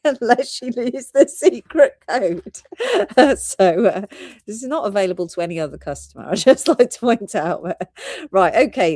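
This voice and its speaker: A woman's voice: mid-range voice, a little mellow, no echo, clean studio sound. Chatty British woman selling pearls live. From Britain. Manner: chatty, giggly, rambling product talk. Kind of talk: live shopping stream.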